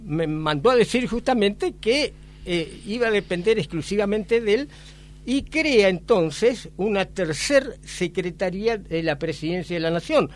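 A man's voice: high voice, lively intonation, unhurried. An older man with an Argentine Spanish accent, recalling events as an interview guest, hesitant with many filler sounds. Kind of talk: conversational recollection.

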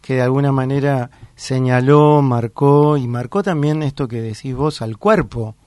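A man's voice: medium pitch, normal speed, darkish tone, no room sound, clean studio sound. A man, a thoughtful interviewer asking reflective questions. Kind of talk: reflective conversation.

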